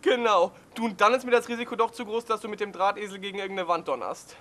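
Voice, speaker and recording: A man putting on a fussy, pedantic man on the phone, prim and overly polite in a high, bright voice. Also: fast.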